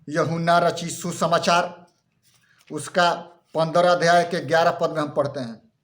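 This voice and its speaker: A man's voice: high voice, fairly bright tone. A man preaching a Christmas sermon, fervent and reading scripture verses aloud.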